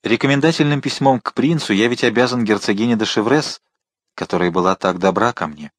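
A man's voice: medium pitch, a little fast, no echo, clean studio sound, close to an everyday voice. A man reading the part of an eager, respectful young viscount who speaks earnestly and politely.

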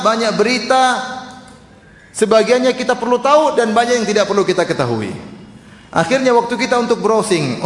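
A male preacher with a high voice, delivering a sermon in a relaxed, teasing manner that keeps turning rhetorical questions on the listeners. The voice rings through a roomy hall with a long reverb tail.

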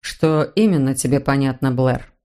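A woman voicing a calm, understanding man, a father, speaking evenly. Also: extremely low pitch, moderate pace, pitched below the performer's own voice.

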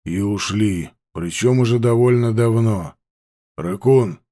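A man's voice: slow, mellow. A male reader voicing a grim, irritable tracker who speaks in short, growling replies. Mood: gruff. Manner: terse, low and growling. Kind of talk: audiobook character voice.

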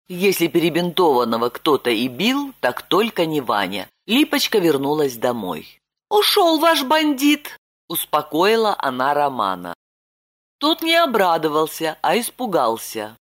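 A woman narrating an audiobook in a lively, expressive reading. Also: low-pitched, normal speed, faint music behind. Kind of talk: scripted narration.

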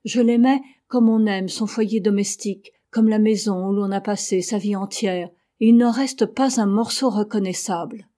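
A woman voicing a gentle, kindly old male ship's doctor in an audiobook, reading softly and sorrowfully. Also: mid-range voice, steady tone, moderate pace, few pauses, natural voice.

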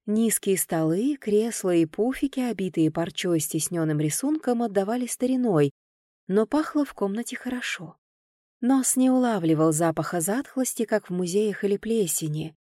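A woman narrating a first-person audiobook in a lively, expressive manner. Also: mid-range voice, normal speed, dry recording, clean studio sound.

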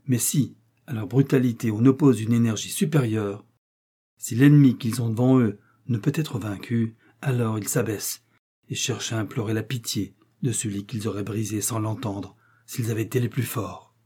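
A man reading a wartime spy novel aloud as steady scripted narration, shifting his voice a little for the dialogue. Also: on the low side, moderate pace, slightly rough. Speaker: audiobook reader.

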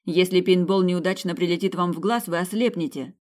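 An audiobook reader voicing a tough woman police detective who shouts urgent orders. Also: medium pitch, brisk, natural voice. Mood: commanding shout. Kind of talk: audiobook character voice.

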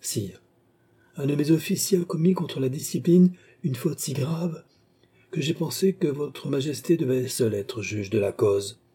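A man's voice: medium pitch, unhurried, warm tone, breathy edge, pitched above the performer's own voice. A man reading an audiobook who voices a respectful, earnest veteran admiral, formal and pleading before his king. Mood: deferential. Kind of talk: audiobook character voice.

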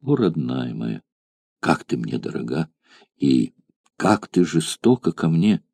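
A man's voice: very deep voice, sing-song, takes it slowly, creaky, darkish tone, no echo, studio quality, pitched below the performer's own voice, heavily acted. A man reading an audiobook, voicing a grieving noble Roman mother who speaks with tearful, pleading tenderness. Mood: grieving tender.

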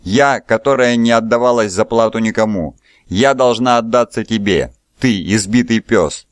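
A man's voice: fairly low pitch, normal speed, smooth, dry recording, studio quality, close to an everyday voice. A man voicing a proud, scornful young noblewoman with a fiery temper, in an audiobook reading. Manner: contemptuous, imperious.

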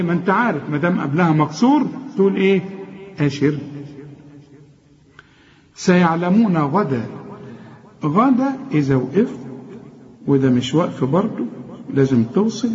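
A man with an Egyptian accent gives a tajweed lesson in a high, mellow voice. He explains each rule plainly and then chants the example verse slowly. The recording is a bit dull and lo-fi. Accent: Egyptian Arabic. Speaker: Quran recitation teacher.

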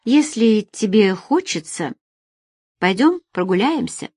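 Female narrator as a quietly bitter married woman, soft and anxious, mid pitch. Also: sing-song, slow pace, husky, no room sound, studio quality, heavily acted. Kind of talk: audiobook character voice.

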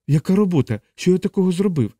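Guy doing a freaked-out army chaplain, squeaky and yelling, dry close sound. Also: sing-song, fairly quick, no echo. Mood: indignant pleading. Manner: pleading, indignant, shouting protests. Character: agitated anxious male military chaplain.

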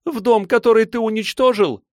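A man reading an audiobook voices a furious, sobbing young noblewoman who lashes out in shrill, hissing outbursts. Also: extremely slow, dry recording, studio quality. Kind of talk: audiobook character voice.

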